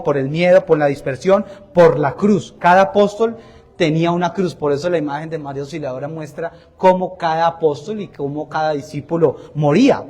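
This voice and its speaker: A man with a high-sitting, darkish voice preaches a Sunday homily in church. He is emphatic and repetitive, puts direct questions to the congregation, and makes jokes at his own expense.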